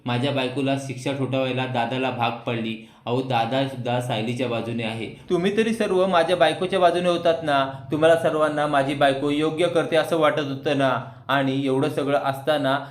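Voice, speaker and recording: A man's voice: medium pitch, brisk, close to an everyday voice. A man voicing an angry young husband who heatedly accuses his family, recorded in an echoey room. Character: angry young husband, grieving jailed wife.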